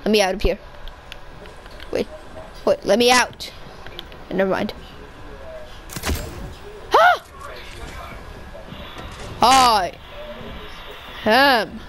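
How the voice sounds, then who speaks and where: A woman giving casual, chatty commentary over her gameplay, excitable and constantly correcting herself mid-sentence. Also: fairly high pitch, very slow, long pauses, slight background noise, poor audio. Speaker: gaming video creator.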